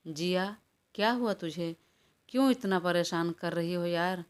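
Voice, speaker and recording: Woman voicing a tired cranky young guy, slow and low, begging to sleep, audio story. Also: clean tone, lightly acted. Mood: irritated. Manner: weary, pleading. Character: tired, irritated young man.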